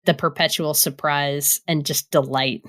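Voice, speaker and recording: A young woman co-hosting a podcast in casual chat, gushing and animated, talking in quick bursts. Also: sits low. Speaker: podcast co-host.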